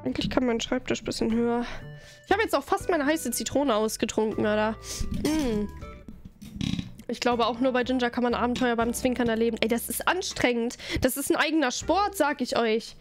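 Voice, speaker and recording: A woman's voice: a little high, a little fast, soft background music. A woman streamer chatting casually with her live audience, bubbly and giggly, rambling from one thing to the next.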